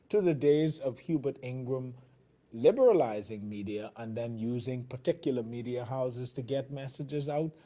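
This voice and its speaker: A Bahamian-accented man from the Bahamas, with a mid-range, dark-toned voice, hosts a TV commentary show. He delivers fiery, emphatic political commentary in a preaching cadence, heard as a television broadcast.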